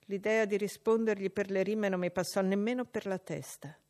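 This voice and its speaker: Woman reading a novel aloud. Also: mid-range voice. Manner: measured, expressive reading. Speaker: audiobook reader. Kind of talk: literary audiobook narration.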